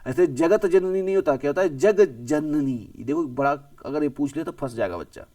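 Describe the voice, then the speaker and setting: A male teacher drills spelling words one by one and corrects each in the same breath. His voice sits a bit high for a man and is set back from the mic in a dry, dead room. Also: normal speed, mellow, no echo, recorded from a distance. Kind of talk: exam-prep spelling lesson.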